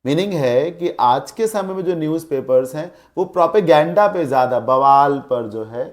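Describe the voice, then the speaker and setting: A male teacher, giving a grammar lesson and explaining slowly, leaning hard on key words. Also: fairly high pitch, lively intonation. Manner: explains slowly in mixed Hindi and English, stressing words. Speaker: English teacher.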